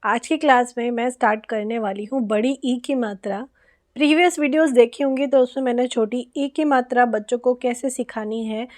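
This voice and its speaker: A woman's voice: a little high, darkish tone. An Indian woman teaching an online lesson for parents, explaining step by step and stretching out example words.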